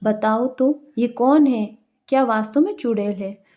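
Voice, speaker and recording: A woman's voice: fairly high pitch, a little slow, dark tone, muffled recording, lightly acted. A woman voicing a stern middle-aged landowner and father who speaks firmly, in a storybook reading. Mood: reassuring.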